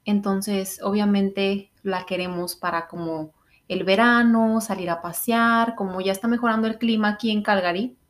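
A young woman with a Mexican accent chats casually as a podcast co-host. Her voice sits at an average pitch, and she talks in an informal, playful way. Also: fairly even intonation, moderate pace. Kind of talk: casual chat.

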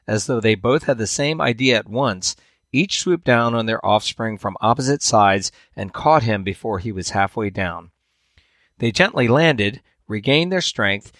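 A man hosting a podcast, reading a fable aloud in a measured storytelling way, with dramatic swings in pitch and loudness. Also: no room sound, clean studio sound. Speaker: podcast host.

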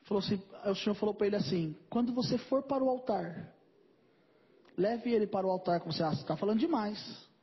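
A man's voice: high-pitched, fast, breathy edge, highs cut off. A man preaching a sermon as pastor, telling a story and acting out its dialogue.

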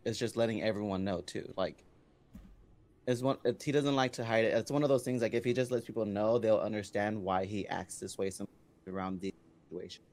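A man's voice: lowish voice, steady tone, fairly quick, a little mellow. A man talking casually as an interview guest, rambling with fillers, over a bad phone connection that keeps cutting out. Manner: loose and rambling, many fillers. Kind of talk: casual remote interview chat.

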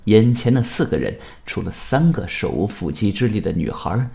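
Man reading a creepy story, low gravelly voice, lively and dramatic. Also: normal speed. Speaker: audiobook narrator. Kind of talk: suspense story narration.

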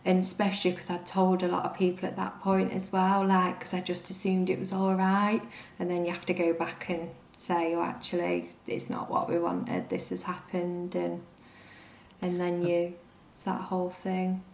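A woman's voice: on the low side, completely flat delivery, normal speed, creaky, darkish tone, echoey room, slight background noise. A young woman telling a personal story in a rambling, conversational way, full of fillers. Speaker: guest sharing a personal story.

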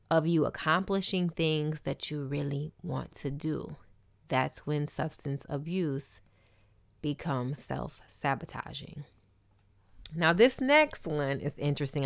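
A woman's voice: deep voice, no echo, studio quality. A woman talking candidly and expressively in a casual personal talk, with wry asides, as a host.

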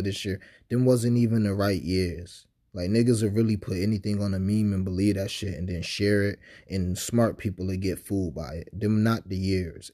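Husky-voiced sarcastic podcast host. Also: male voice, fairly low pitch. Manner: sarcastic, animated, conversational with slang and frequent "you know what I'm saying". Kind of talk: casual podcast monologue.

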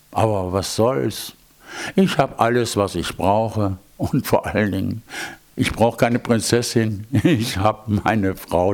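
Older grandfather storyteller, low-pitched, unhurried, very animated delivery. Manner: slow, gently animated storytelling with asides. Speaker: grandfather reading fairy tales. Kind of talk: fairy-tale storytelling.

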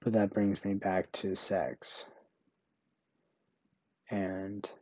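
A young man talks alone into a home podcast mic, slow and flat, turning his thoughts over as he goes. His voice is low, mellow and dry, and the recording sounds a little dull and muffled. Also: no echo. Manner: slow, monotone, musing. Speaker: podcast host. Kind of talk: solo podcast monologue.

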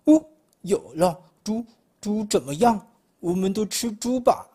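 A loud, fickle leader wolf who keeps changing his mind, as the narrator puts him on. He booms and gets excitable, pushed higher than an everyday voice, with a husky grain. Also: a little slow, exaggerated voice. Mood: scheming. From Malaysia. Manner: booming, excitable. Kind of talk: storybook reading.

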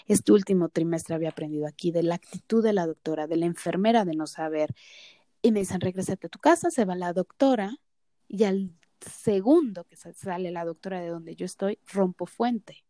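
With a lowish, mellow voice, a thirty-something woman co-hosting a podcast chats casually through her story, bringing quoted dialogue to life by acting it out. It's studio-quality audio without echo.

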